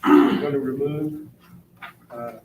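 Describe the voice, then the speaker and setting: A man chairing a board meeting, running through procedure in a halting, informal way. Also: medium pitch, steady tone. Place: indoor board meeting room. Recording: echoey room, distant mic, faint noise.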